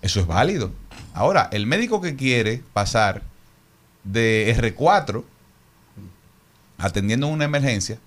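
A man's voice: medium pitch, very animated, unhurried, long pauses. Earnest Dominican man making his case. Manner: earnest, speaks in long reasoned points. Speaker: politician guest. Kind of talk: radio talk show discussion.

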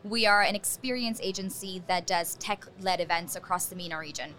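A woman's voice: lowish voice, brisk, bright, forceful tone, a little hiss or hum. A woman in her thirties from Dubai, a company founder, talking about her career in an upbeat, enthusiastic way as a podcast guest. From Dubai, UAE. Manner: upbeat, enthusiastic, laughs easily. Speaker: agency founder and CEO, guest. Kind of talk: casual interview chat.

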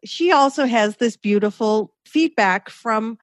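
A woman's voice: a little high, unhurried, no room sound, studio quality. A woman podcast host asking thoughtful, probing questions of her guest. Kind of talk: interviewing a guest.

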